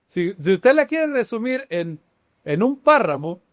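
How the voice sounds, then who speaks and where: Lively male preacher. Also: high voice, a little slow, no room sound, studio quality. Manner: animated, with sudden swings between loud exclamations and hushed dramatic lines; asks the audience questions. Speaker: Bible teacher. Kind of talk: sermon-style teaching.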